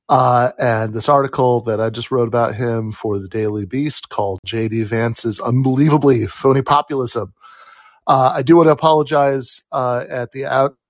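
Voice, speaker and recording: Halting man in informal solo commentary, dry phone mic. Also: medium pitch, dry recording. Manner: halting, chuckles mid-sentence. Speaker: podcast host taking callers. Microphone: phone held like a call, no headset.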